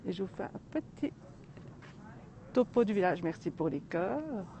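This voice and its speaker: A woman hosting a live vlog outdoors in a mountain village. She greets viewers and reads a short tale in a chatty, unhurried way. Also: medium pitch, very animated, noisy background. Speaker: vlogger and storyteller. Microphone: phone or camera.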